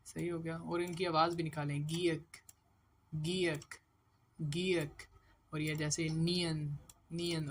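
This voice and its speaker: A man teaching a beginner language lesson. He is patient, checks in with the listener often and sounds out each syllable loudly and clearly. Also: fairly high pitch, a little hiss or hum.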